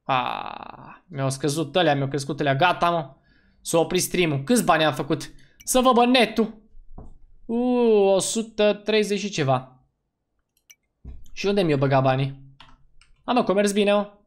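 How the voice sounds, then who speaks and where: A man giving let's-play commentary as a gaming YouTuber, excitable and slangy, breaking into loud whoops. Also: a little high.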